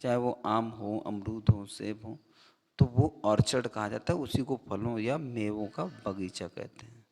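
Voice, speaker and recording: A man teaching English vocabulary, reading definitions slowly word by word and then explaining them in Hindi. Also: on the low side, darkish tone, long reverb tail. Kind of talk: vocabulary lesson.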